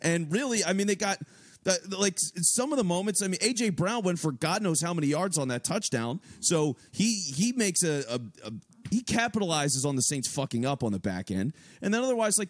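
Animated, high-voiced man talking sports. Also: brisk, dry recording. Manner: animated, profane, rambling with restarts. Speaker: sports podcast co-host. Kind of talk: casual sports talk.

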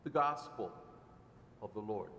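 A man serving as deacon, reading the gospel aloud in a slow, measured proclamation, with a cathedral echo around his voice. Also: expressive, sharp tone. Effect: cathedral echo, long church reverb. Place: large church. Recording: echoey church hall with faint rumble.

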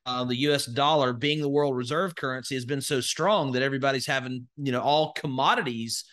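A man's voice: medium pitch, brisk, a bit bright. A man from Alabama with a Southern accent, a podcast guest telling his story in a folksy, rambling way with many fillers. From Northwest Alabama, US. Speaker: guest, crypto educator. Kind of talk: conversational interview.

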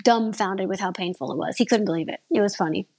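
A woman's voice: medium pitch, fast, creaky, darkish tone, husky. A woman in her thirties, an aerial performer, chatting casually in an interview. She rambles and often restarts her sentences.

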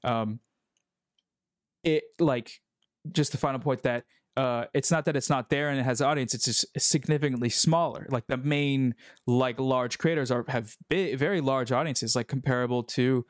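Man, casual chat, rambling with fillers, dry close sound, mid pitch. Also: normal speed, dry recording. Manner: rambling, many fillers and restarts. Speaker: YouTube commentator. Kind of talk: casual conversation.

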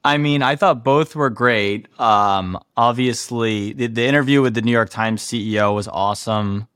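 A man's voice: mid-range voice, normal speed, fairly bright tone, smooth, no room sound, studio quality. A man co-hosting a podcast in casual, conversational chat. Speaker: podcast co-host.

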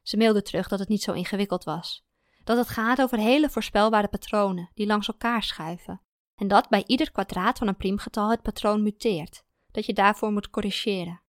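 A woman narrating a first-person story in a calm, even manner. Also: medium pitch, a little fast, no echo, clean studio sound.

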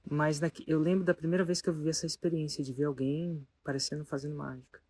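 Husky São storyteller. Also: mid-range voice, fast talker, dry recording. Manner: animated, asks the listeners rhetorical questions. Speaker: speaker telling a story to an audience. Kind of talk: casual storytelling talk.

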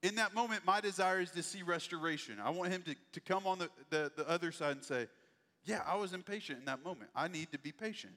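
A man's voice: high-pitched, fast, pushed and bright, big-room sound. A man preaching a sermon in a conversational, folksy way. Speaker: pastor.

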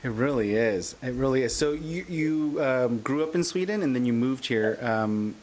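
A man's voice: mid-range voice, animated, moderate pace, darkish tone, slight background noise. A man hosting a parenting podcast, chatting eagerly with his guest in a casual interview. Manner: enthusiastic, chatty with fillers. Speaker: podcast host.

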